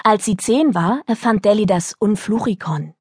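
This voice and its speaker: A woman narrating a children's book in a lively storytelling manner, recorded close to a studio mic. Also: medium pitch, moderate pace, slightly rough, no room sound. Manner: lively storytelling, voicing characters. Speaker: audiobook narrator.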